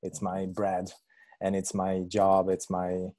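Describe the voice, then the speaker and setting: A man from Italy, talking as a musician guest in a casual interview. His voice sits low and mellow, recorded dry and close. He speaks in a friendly, hesitant way, pausing to search for his words. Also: completely flat delivery, no room sound. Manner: friendly, hesitant, laughs between phrases.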